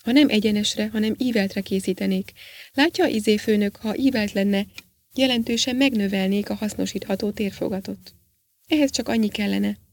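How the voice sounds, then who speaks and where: A woman's voice: mid-range voice, no room sound, lightly acted. A woman reading the part of a young male trainee astronaut who patiently explains a design flaw. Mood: explaining. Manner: hesitant, then patiently explaining.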